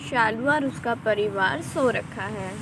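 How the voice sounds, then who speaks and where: A woman narrating a homemade doll story, her voice high and plainly explaining. Noticeable hiss sits under the recording. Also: takes it slowly. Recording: noisy home recording.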